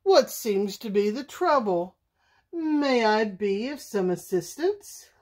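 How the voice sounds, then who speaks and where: A woman's voice: mid-range voice, expressive, slow, a little mellow. A woman voicing a misunderstood male wolf in a children's storybook, earnest, easily hurt and emphatic. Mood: polite.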